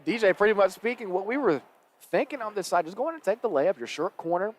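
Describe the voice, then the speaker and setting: High-pitched, energetic male basketball announcer. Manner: rapid and energetic, rising with the action. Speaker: play-by-play announcer. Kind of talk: live basketball play-by-play commentary. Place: high school gym.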